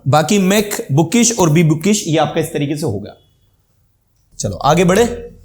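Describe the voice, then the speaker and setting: A fairly high-voiced Indian male teacher runs a classroom grammar lesson. He fires short questions at his students and repeats the answers. His English example sentences come out slow and deliberate. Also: expressive, darkish tone. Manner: quizzing students with quick questions.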